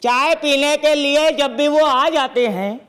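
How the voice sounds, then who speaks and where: A man's voice: very high-pitched, takes it slowly, fairly bright tone. A man reciting humorous verse as a comic poet, repeating lines for effect. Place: stage show before a live audience. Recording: stage microphone with audience and background noise.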